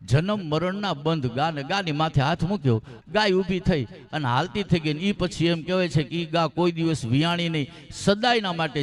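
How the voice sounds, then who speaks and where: High-voiced folk storyteller. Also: male voice. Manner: impassioned, addresses listeners as sir, recites verses.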